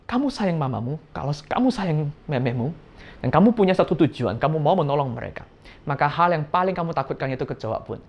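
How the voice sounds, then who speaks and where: A young man giving a Sunday school sermon, lively and playful, telling stories and acting out voices, on a slightly dull recording. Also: a little high, quick pace. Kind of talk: children's sermon.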